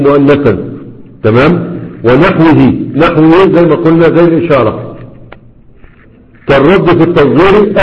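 Fast-talking teacher, echoing hall. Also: male voice, on the high side. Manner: asks students questions and answers them himself. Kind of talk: Arabic grammar lesson. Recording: dull lo-fi with long hall reverb.

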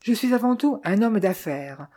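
A woman's voice: medium pitch, animated, moderate pace, dark tone, natural voice. A woman reading the lines of a blunt, dismissive older businessman in an audiobook. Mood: curt. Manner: curt, dismissive.

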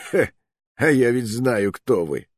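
A man's voice: mid-range voice, lively intonation, slow, dry recording, clean studio sound, voice pushed up. A man voicing a mocking bearded officer captured by rogues, in an audiobook reading. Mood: ingratiating. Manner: sneering, scoffing. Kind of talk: audiobook narration.

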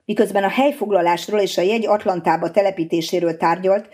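A woman narrating an audiobook in an even, measured reading. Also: mid-range voice.

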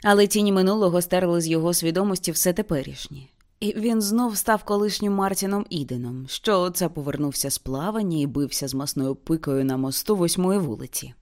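A woman reading a novel aloud as an audiobook, with intense dramatic narration that slows for grim moments. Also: on the low side, darkish tone. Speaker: audiobook reader.

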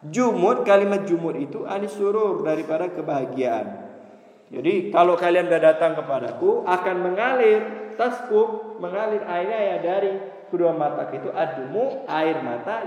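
A man gives a relaxed, humorous lecture as a religious teacher, swinging his voice up sharply when he asks a question. His voice sits a little on the high side. The recording rings with heavy echo and a long hall reverb. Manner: lively, joking, rising sharply on questions. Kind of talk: casual classroom lecture on Arabic rhetoric. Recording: very echoey hall.

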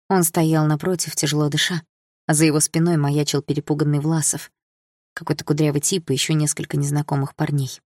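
A woman narrating a first-person audiobook in a steady, dramatic storytelling manner. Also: low voice, slightly rough, dry recording, clean studio sound.

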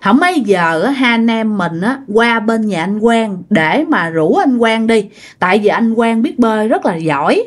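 An eager little girl, as a woman storyteller puts her on, pleading sweetly with a friend. Her speech is lively and lilting, rising and falling a lot. The pitch sits fairly high. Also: unhurried. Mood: coaxing.

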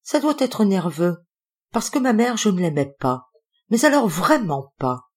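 A woman's voice: medium pitch, big pitch swings, a little slow, breathy edge, voice pushed up. Brief: woman voicing a grieving older lady, scolding then tearful, audiobook character. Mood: tearful confiding.

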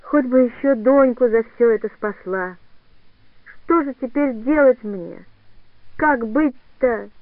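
A man's voice: extremely high pitch, animated, a little slow, dry recording. A man voicing a grieving, desperate young village woman who pleads and cries out in a story reading. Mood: desperate pleading. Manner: pleading, sobbing outbursts. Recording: tinny phone-like sound, dry.

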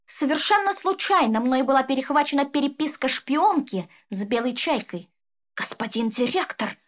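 A woman's voice: high voice, animated, moderate pace, pitched above the performer's own voice. A woman voicing a male dwarf servant with a nasal, fawning way of talking in a storybook reading. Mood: excited. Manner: fawning, breathless urgency.

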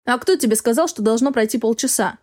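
A cold, contemptuous man barks short commands in this audiobook scene, as a woman reader voices him. His lines come clipped and curt, spoken from a touch farther off the mic, with a voice pitched a little above a typical man's. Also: quick pace, a little mellow, lightly acted. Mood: cold, commanding. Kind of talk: audiobook character voice.

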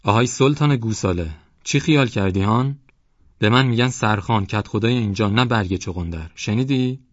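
A man reading an audiobook, voicing a gruff, swaggering male village headman with a husky, sleepy voice and a bossy, boastful manner. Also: fairly low pitch, no room sound, highs cut off, close to an everyday voice. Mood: blustering.

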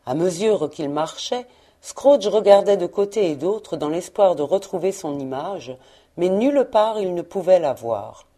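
Mellow-voiced woman reading a tale. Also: on the low side, expressive, measured pace. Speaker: audiobook reader. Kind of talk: audiobook narration.

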